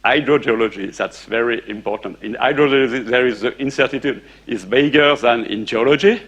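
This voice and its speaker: Speaking English to a conference audience, a man whose native tongue is French talks haltingly, keeps restarting sentences, says "uh" and "eh" a lot, and sometimes pauses to pose questions to listeners. His medium-pitched voice is a bit bright with a breathy edge, and the audio sounds dull.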